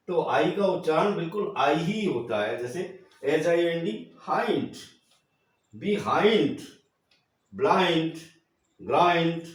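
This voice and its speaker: A man teaching English pronunciation in a slow lesson, spelling out words letter by letter and then saying them, and addressing the viewers as dear children. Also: a little high, distant mic. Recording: very echoey room, voice away from the mic.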